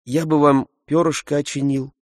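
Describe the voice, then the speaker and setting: A man doing a meek quiet clerk. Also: a little high, little pitch movement, moderate pace, no echo, studio quality, pitched above the performer's own voice, lightly acted. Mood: deferential. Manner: quiet, deferential, polite. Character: meek timid male clerk.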